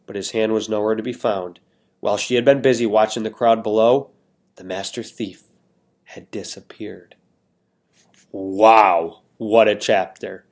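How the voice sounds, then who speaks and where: A male teacher reading a novel aloud to his students, expressive and stopping now and then to explain words. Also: on the low side, moderate pace.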